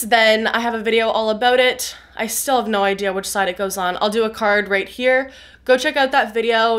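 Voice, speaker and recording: A woman's voice: on the high side, fairly bright tone. A young woman with a stuffy, nasal voice from a cold, chatting through a skincare review with lots of "um" fillers. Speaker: skincare reviewer, biochemist YouTuber. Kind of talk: casual explanatory video review.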